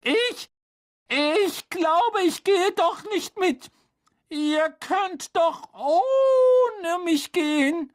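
A shrill, tearful teenage girl begs to be left behind in a very high, quavering voice. She whines and pleads at length in this audiobook scene. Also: expressive, very slow, heavily acted. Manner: whiny and pleading. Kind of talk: audiobook reading.

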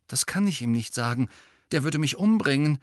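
A man's voice: on the high side, lively intonation, no room sound, clean studio sound, voice pushed up, natural voice. A man doing a tense teenage boy. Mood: uneasy. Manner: tense, quick to protest. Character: fifteen-year-old boy, defensive and uneasy.

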